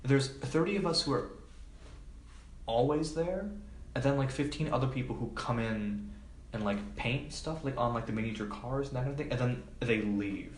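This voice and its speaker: A man of medium pitch talks at a moderate pace as a guest on a podcast, where he's introduced as a film production assistant. Informal and hesitant, he uses lots of fillers; the room echoes and there's background noise.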